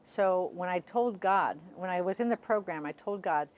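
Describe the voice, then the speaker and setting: A woman guest on a TV interview, telling her own story hesitantly, with many fillers and throat clearing. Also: lowish voice, normal speed, a little mellow.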